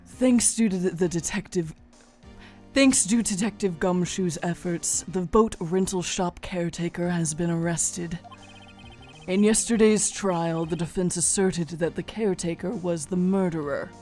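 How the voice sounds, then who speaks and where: Woman playing haughty prosecutor, male game character, formal, lowish pitch, music behind. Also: a little slow, dark tone, natural voice. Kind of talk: amateur video game voice-over.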